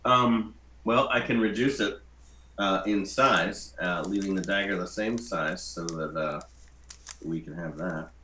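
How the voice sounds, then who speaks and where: A man talking casually and haltingly as a tabletop game player, in echoey room sound. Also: low-pitched, bright, forceful tone, slight background noise.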